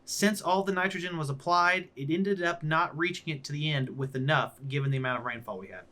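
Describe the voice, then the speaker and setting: A farmer hosting his own vlog, explaining things in a clear, methodical way with dry little asides. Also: a little high, brisk, sharp tone.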